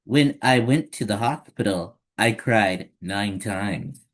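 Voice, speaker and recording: Here a man in a low register reads a picture book to children, taking his time with the narration in a calm, unhurried delivery.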